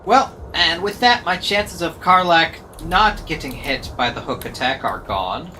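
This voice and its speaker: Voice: medium pitch, animated, measured pace, background noise. A streamer giving wry, self-mocking running commentary while playing a game live. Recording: game music playing underneath. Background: game music and sound effects.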